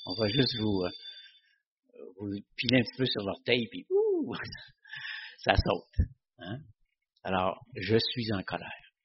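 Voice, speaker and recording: Husky man, lo-fi sound. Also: on the low side, moderate pace, long pauses. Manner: conversational, frequent tag questions. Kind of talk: casual teaching on faith.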